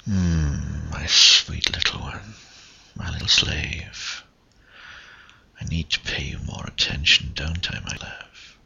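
Male, gravelly, slow hypnotic whisper right in the ear for intimate relaxation audio; breathy, close-miked. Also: pushed and bright, dull audio. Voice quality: breathy, husky, gravelly low voice. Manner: slow, coaxing, hypnotic delivery with short phrases.

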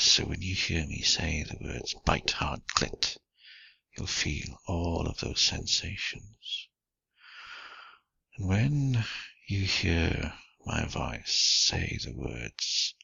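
In a slow, deliberate, breathy voice that often drops to a whisper, a husky, gravelly man offers intimate erotic hypnosis guidance. His rumbling low tone sounds pushed and bright, and the recording is close, dry, and dull.

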